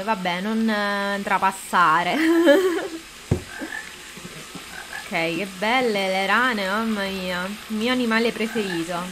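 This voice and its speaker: Brief: high-ish, slow-talking woman streamer, chatty and quick to swear at the game. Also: bright, forceful tone, slight background noise. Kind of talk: casual live-stream gameplay chat.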